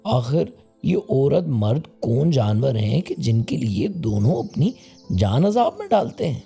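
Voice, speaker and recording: A man's voice: mid-range voice, very animated, vocal fry, dark tone, slightly rough, faint music behind, pitched above the performer's own voice, heavily acted. A man voicing a fussy, complaining female bird who nags her husband. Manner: complaining, sulky. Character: fussy female songbird, nagging wife.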